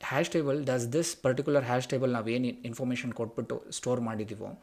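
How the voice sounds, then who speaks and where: A man's voice: medium pitch, racing, darkish tone. A man with a Kannada Indian accent giving a casual technical tutorial, thinking aloud, mixing two languages and often checking in with short rhetorical questions. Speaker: programming instructor.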